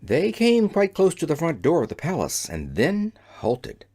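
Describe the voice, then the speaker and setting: Expressive storybook reader. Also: medium pitch. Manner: measured, expressive reading. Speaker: audiobook narrator. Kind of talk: storybook narration.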